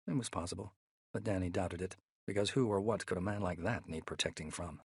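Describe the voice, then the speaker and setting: Husky low-voiced male narrator. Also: brisk, a little mellow, dry recording, clean studio sound. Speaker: audiobook narrator. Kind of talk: scripted thriller narration.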